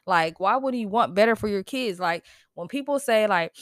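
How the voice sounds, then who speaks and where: A young American woman hosts a solo podcast in a mid-range voice that sounds stuffy and congested, talking casually yet emphatically, even preachily. She's animated at a moderate pace and laughs often, and the studio-quality recording has no room sound.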